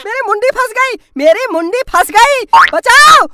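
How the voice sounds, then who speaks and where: A woman's voice: very high voice, lively intonation, measured pace, noisy background, pitched above the performer's own voice. A woman voicing a whiny, boastful cartoon boy. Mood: wailing. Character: naughty lazy young boy, whiny and boastful. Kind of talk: comic cartoon voice acting. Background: background music.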